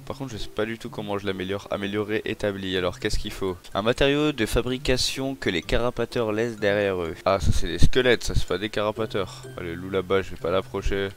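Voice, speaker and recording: Young male gamer, deeper voice, rowdy let's play chatter that bursts into shouts at enemies. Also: brisk, hardly any pauses. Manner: excitable, swears, yells at enemies, addresses viewers as brothers. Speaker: gaming YouTuber.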